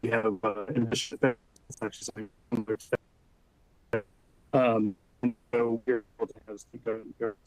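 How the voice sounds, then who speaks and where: A man's voice: mid-range voice, little pitch movement, no echo, rough recording. Man on glitchy cutting-out call audio. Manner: halting, many fillers and restarts. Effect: corrupted audio that keeps cutting out. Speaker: panel guest. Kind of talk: panel discussion over video call.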